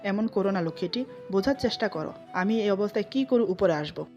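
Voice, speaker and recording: Brief: woman voicing young husband in an audio story; pleading, playful, soft music, dull recording. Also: medium pitch, lively intonation, a little fast, lightly acted.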